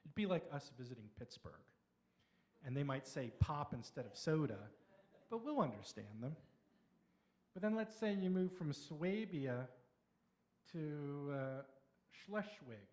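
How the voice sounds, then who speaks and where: A middle-aged man from Pennsylvania giving a conversational slide lecture on history, with explanatory pauses and restarts. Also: on the high side. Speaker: local history speaker.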